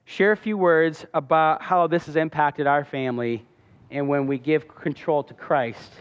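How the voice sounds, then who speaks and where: On the high side but smooth and steady, a pastor's voice moves unhurriedly through an impassioned sermon testimony told as a story. Long hall reverb and a dull tone mark the church hall recording.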